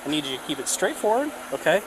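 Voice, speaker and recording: Higher-pitched male police officer on noisy bodycam. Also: big pitch swings, quick pace. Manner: procedural, checks understanding with "okay?" and "all right?". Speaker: police officer at a traffic stop. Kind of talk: body cam audio of procedural questioning and instructions. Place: outdoors at a roadside traffic stop. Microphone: body-worn camera. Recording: noisy body camera audio, outdoor vehicle hum.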